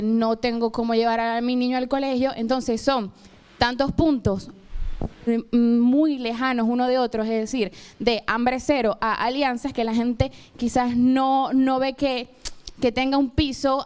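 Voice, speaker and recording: A woman's voice: fairly high pitch, a little mellow, smooth. Hesitant young Venezuelan woman. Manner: hesitant, many fillers and restarts. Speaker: student asking a question. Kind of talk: audience question.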